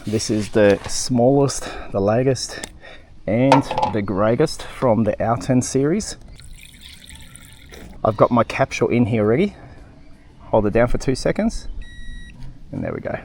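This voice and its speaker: A man with an Australian accent, chatting casually to camera as a cycling vlogger beside a river, relaxed and quick to laugh. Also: medium pitch, a little hiss or hum. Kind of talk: casual vlog chat to camera. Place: outdoors by a river. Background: faint outdoor ambience.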